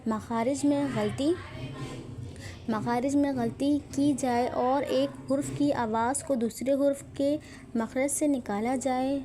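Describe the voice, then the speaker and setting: A woman's voice: high voice, fairly even intonation. A woman teaching a religious lesson on Quran recitation, explaining carefully and repeating words to show how they are pronounced.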